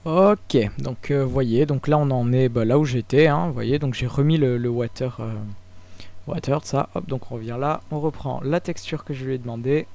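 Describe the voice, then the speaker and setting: Casual, halting young Frenchman explaining software. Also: mid-range voice, gravelly. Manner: halting, many fillers and restarts, relaxed and informal. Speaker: tutorial maker. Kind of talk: casual screen-recorded software tutorial.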